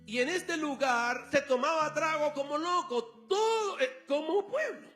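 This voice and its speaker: A man's voice: very high voice, unhurried, a bit bright, soft background music. A male pastor preaching a sermon, telling a story and acting out the dialogue. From Colombia.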